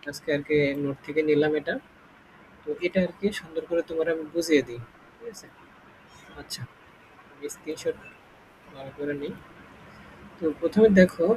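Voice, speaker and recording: Guy with a high voice running a casual online class, walks through it step by step, keeps checking "okay?", faint room hum behind. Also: darkish tone, poor audio. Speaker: English teacher.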